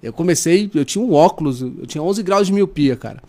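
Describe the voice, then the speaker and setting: Higher-pitched Brazilian man, chatting casually. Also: lively intonation, brisk, a little mellow. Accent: Brazilian Portuguese. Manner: informal, slangy, earnest. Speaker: podcast guest, lie-detection expert. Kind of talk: casual chat.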